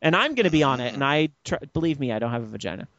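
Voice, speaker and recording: A man hosting a casual gaming podcast, chatty and quick to laugh as he reads listener tweets. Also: medium pitch, very animated, a bit bright, no echo, highs cut off. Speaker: podcast host.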